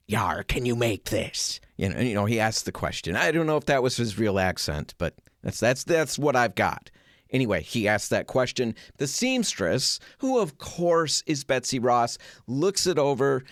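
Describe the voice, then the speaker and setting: A middle-aged man hosting a home improvement show, telling a story in a chatty, animated way with lots of asides. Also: mid-range voice, no room sound, clean studio sound. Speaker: host.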